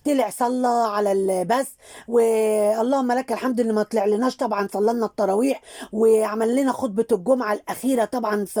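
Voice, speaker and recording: Fast, scolding Egyptian woman commentator. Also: a little high, warm tone, slightly rough. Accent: Egyptian Arabic. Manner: scolding, mocking and preachy. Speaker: social media commentator. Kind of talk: satirical commentary on social media figures.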